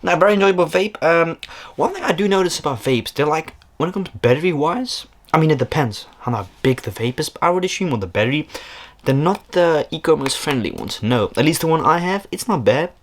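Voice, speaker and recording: Young man, casual podcast chat, rambling, swears a lot, very animated pitch. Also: fairly quick. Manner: rambling, swearing, laid-back. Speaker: podcast host. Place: indoor room, window open.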